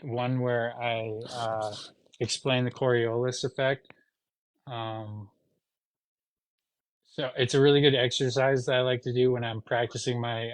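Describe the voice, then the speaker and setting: A man's voice: medium pitch, dry recording, rough recording. A man hosting a livestream, chatting casually and joking playfully with his co-host.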